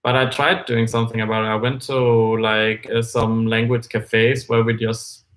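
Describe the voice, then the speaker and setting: Co-hosting a live book discussion, this man from Denmark thinks aloud in hesitant English, his first language being Danish. He stumbles through fillers and restarts in a casual chat, speaking at medium pitch with a flat, slightly bright delivery.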